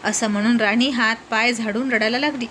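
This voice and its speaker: A woman's voice: on the high side, fairly even intonation, brisk, a bit bright, a little hiss or hum, poor audio. Woman narrating a story expressively.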